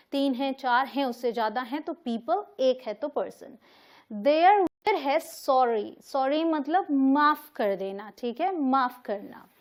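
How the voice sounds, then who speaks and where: A woman with a high voice gives a step-by-step English lesson in Hindi, pausing often to check that learners follow. She takes her time, drawing each English example sentence out slowly and clearly. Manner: explains in Hindi with frequent check-ins. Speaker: English teacher.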